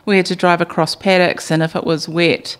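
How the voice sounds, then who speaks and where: A woman's voice: fairly low pitch, level tone, a little fast. An older woman with a New Zealand accent, a business co-founder, reflecting on her upbringing and early years. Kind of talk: interview recollection.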